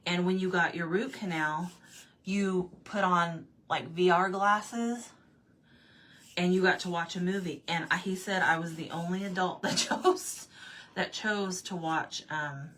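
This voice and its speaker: A woman hosts a craft livestream, chatting casually while she paints. Her voice is bright and forceful and sits a little low. She rambles in run-on asides, laughs often and answers viewer comments one after another. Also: measured pace.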